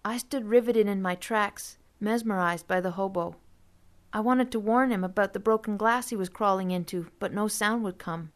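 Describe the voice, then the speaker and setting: A woman narrating a first-person story as an audiobook, steady and vivid. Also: medium pitch, moderate pace.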